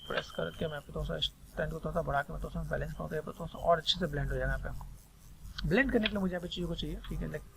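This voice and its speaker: In this screen-recorded sculpting lesson, a Hindi-accented man talks at a fast clip, wandering off track and leaning on the same fillers again and again. There's a gravelly quality to his somewhat high voice, with low background noise humming along.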